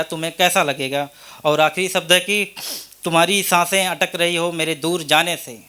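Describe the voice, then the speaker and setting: A man's voice: high-pitched, sharp tone, smooth. A man at an open mic reciting a long, repetitive poem line by line, with a Hindi accent. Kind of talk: reciting poetry. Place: open mic event venue.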